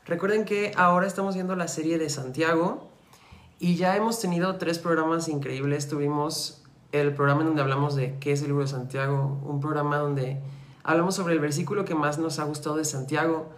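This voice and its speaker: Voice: mid-range voice, steady tone, a little fast. A podcast co-host, welcoming listeners and recapping episodes in a friendly, conversational way. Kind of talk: casual faith podcast hosting. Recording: roomy echo.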